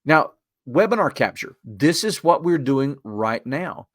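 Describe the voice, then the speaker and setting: A man with a Southern Appalachian accent presents a webinar in an informal, conversational way. His voice sits at a medium pitch and his delivery is folksy. The sound is dry, with very little room echo. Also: very animated, unhurried.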